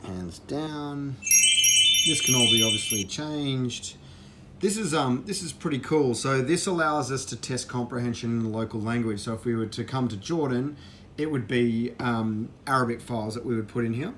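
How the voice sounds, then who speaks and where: A man walking through an educational software system, explaining it in a relaxed way with fillers. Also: mid-range voice, normal speed, slight background noise. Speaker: presenter demonstrating software. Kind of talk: casual walkthrough.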